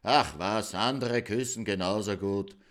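A man voicing a brash, crude, reckless king who barks slow, emphatic commands. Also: on the low side, a bit bright. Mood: bossy.

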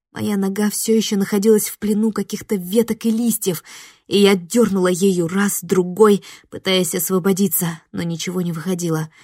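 A woman tells a first-person horror tale with tense, dramatic delivery. Her voice is husky and sits at a middling pitch. The recording is close and dry, with no room sound. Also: dark tone, no room sound. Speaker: audiobook narrator.

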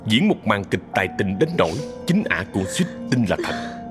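A man narrating a dramatic folk story in a steady, expressive storytelling manner. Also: fairly low pitch, normal speed, big-room sound, over music.

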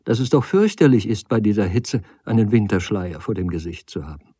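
A man's voice: on the low side, lively intonation, brisk, dark tone, slightly rough, dry recording, studio quality. A man reading the part of a desperate woman who weeps, pleads and reproaches her lover. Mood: reproachful. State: crying.

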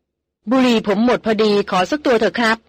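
A woman reading the part of a seasoned male jungle hunter in a storybook, speaking slowly and steadily. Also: fairly high pitch, slightly rough, no room sound. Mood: calm.

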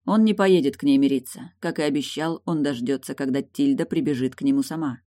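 Steady audiobook narrator, dry close sound. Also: mid-range voice, brisk, no echo. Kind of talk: scripted narration.

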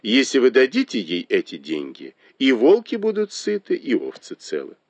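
A man reading aloud and voicing a young maidservant who calmly suggests a compromise. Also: medium pitch, normal speed, no echo, dull audio, voice pushed up. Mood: advising. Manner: reasonable, mediating. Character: young tactful maidservant offering advice.

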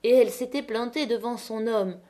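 A woman narrating a classic novel as an audiobook, with measured, dramatic reading. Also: a little high, mellow. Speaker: audiobook reader.

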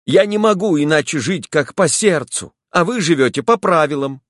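A man puts on a fiery, impulsive young woman in this audiobook, raised high above his own register and pushed louder. Her lines press and plead, swooping in pitch. The recording is close and dry. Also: expressive, normal speed, dry recording. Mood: agitated. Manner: pleading, agitated, insistent. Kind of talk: audiobook character voice.

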